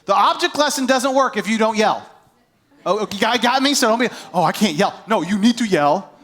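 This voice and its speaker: High-voiced, energetic male pastor. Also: brisk. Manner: energetic, playful, directs the audience. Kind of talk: sermon with a live object lesson. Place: church service before a congregation. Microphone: wearing a microphone.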